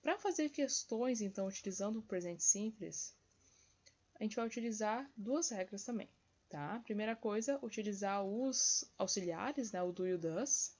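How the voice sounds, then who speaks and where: A woman's voice: medium pitch, expressive, normal speed, darkish tone, muffled recording. A woman explaining English grammar in an online lesson, often checking in with her listeners. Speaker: English teacher.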